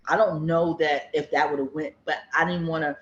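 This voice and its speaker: A woman in her fifties chats casually, telling stories and acting out what people said. Her voice sits low with a steady tone and a slightly quick pace. The room sounds dull and echoey.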